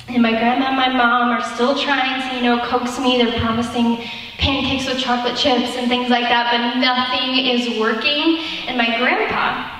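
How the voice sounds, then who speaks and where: A young woman telling a personal story in a youth sermon, slowing down tenderly at key moments. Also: a little high, fairly bright tone. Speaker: youth speaker. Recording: echoey hall from far off.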